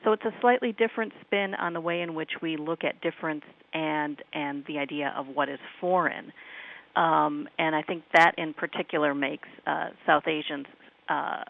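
A Midwestern American woman from the United States, a professor, answers interview questions as a guest on call-in radio, thoughtful and academic with many ums. Her voice sits low and sounds gravelly. The audio comes over a tinny phone line.

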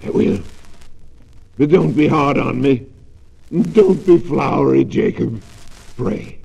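A frightened, miserly old man, as a male reader acts him out, pleading in an agitated voice that climbs higher. The tone stays dark and mellow underneath in this storybook reading. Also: steady tone, normal speed, creaky, breathy edge, rough recording.

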